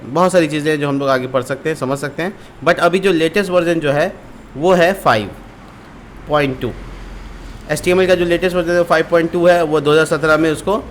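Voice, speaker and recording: A man's voice: a little high, a little hiss or hum. A man teaching a screen-recorded programming lesson, explaining step by step with repeated terms and frequent fillers. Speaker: coding tutor.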